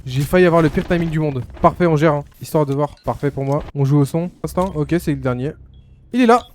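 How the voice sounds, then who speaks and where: A man giving excitable, slangy live commentary to his viewers while playing a shooter game. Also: a little high, fast talker, a little hiss or hum. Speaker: gaming YouTuber.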